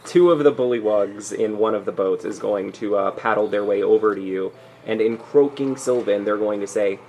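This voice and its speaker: A man narrates a tabletop fantasy game as its game master. His voice sits fairly low and his delivery is casual and improvised, with faint background noise. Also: moderate pace, mellow.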